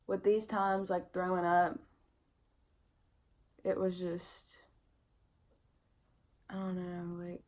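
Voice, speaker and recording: Chatty young woman, flat-toned pregnancy vlog. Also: fairly low pitch, takes it slowly, long pauses. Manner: chatty and candid, lots of "like" and "I mean" fillers. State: pregnant and tired, yawning. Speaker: vlogger. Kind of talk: casual pregnancy update vlog.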